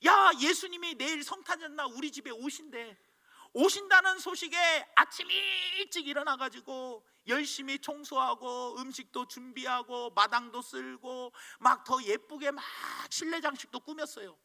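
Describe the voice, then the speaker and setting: A man's voice: very high-pitched, a little fast, pitched above the performer's own voice, exaggerated voice. A man playing a grumpy old shoemaker. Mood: excited. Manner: shouting, indignant outbursts. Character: grumpy old male shoemaker, quick-tempered.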